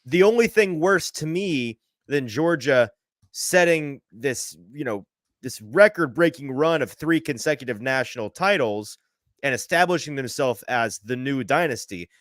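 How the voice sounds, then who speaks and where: A man co-hosting a casual sports talk debate, giving wry, measured opinions. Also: medium pitch, lively intonation, no room sound, clean studio sound.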